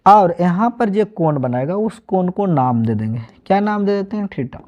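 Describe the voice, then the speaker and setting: Teaching math online, a Bihari man from India speaks in a high-pitched, slightly mellow voice with lively intonation and a moderate pace. His Magahi-tinged Hindi blends in regional dialect as he poses questions and answers them himself, recorded with dull lo-fi audio.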